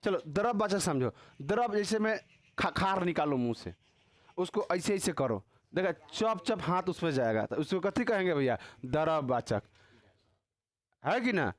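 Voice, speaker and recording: A man's voice: high voice, very animated, unhurried, no room sound. A man teaching a casual grammar class, teasing and quizzing his students with constant tag questions.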